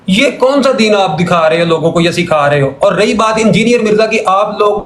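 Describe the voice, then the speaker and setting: A man's voice: high-pitched, expressive, slight background noise. A man calling in to a religious debate, arguing heatedly, laying out his points one by one and repeating them. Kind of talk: heated call-in argument. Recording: echoey room sound.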